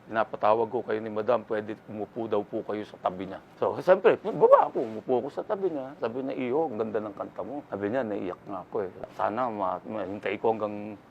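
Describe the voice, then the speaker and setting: A man's voice: lowish voice, expressive, brisk, creaky, hardly any pauses, muffled recording, a little hiss or hum. An older man from the Philippines, a guest in an interview, telling his story casually and acting out the voices of the people in it.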